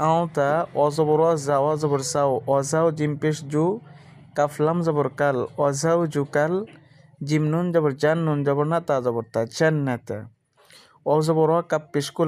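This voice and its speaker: A man teaching Quran reading, spelling out letters and vowel marks in a steady chant, and reciting verses in a slow, drawn-out style. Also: a little high. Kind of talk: letter-by-letter tajweed lesson.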